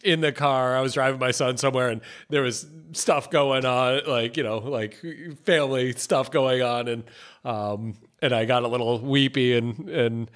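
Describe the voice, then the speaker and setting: A man's voice: mid-range voice, steady tone, normal speed, fairly bright tone. A man co-hosting a podcast, chatting casually and laughing easily at himself. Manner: self-deprecating, laughs easily. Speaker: podcast co-host. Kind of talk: casual chat.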